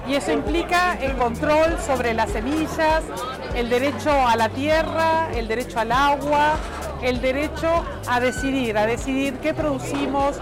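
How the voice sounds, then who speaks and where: A woman's voice: high voice, unhurried. A woman activist firmly listing points in a public statement at a forum. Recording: loud crowd and music behind. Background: loud crowd and music.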